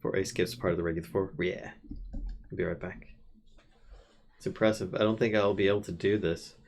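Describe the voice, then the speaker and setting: A man's voice: sits low, steady tone, brisk, darkish tone. A man live-streaming a modded game, chatting casually, teasing his co-player and laughing often. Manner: playful teasing, laughs often, thinks aloud.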